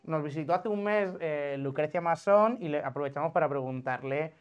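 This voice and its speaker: A man's voice: on the high side, moderate pace, clean tone. Hesitant man host, lo-fi sound. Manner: hesitant, many fillers and restarts. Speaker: podcast host. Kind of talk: interview questions.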